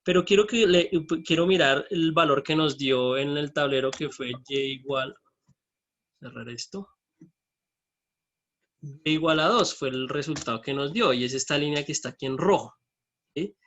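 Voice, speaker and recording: A man's voice: on the high side, moderate pace, long pauses, a bit bright, highs cut off. A man teaching an online math lesson from his computer, explaining each step and checking in with his students.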